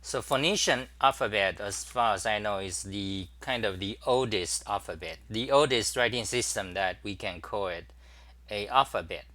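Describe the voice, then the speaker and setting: A man hosting a casual livestream, demonstrating his computer workflow and greeting viewers, talking haltingly with many fillers and restarts. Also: on the low side, sharp tone. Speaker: talk show host. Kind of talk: casual screen-share livestream.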